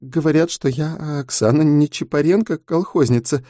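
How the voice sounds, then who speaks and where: A man's voice: a little high, moderate pace, mellow, dry recording, clean studio sound, voice pushed up, close to an everyday voice. A man voicing a frightened young female schoolteacher who speaks tearfully. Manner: tearful, pleading.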